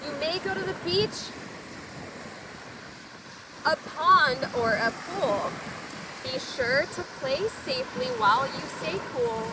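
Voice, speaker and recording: With wide pitch swings and a bright, high, expressive delivery, a woman reads a children's picture book and breaks off to explain words plainly for little ones. She moves slowly and pauses often. Noisy outdoor ambience resembling surf surrounds her, and the mic is placed far away.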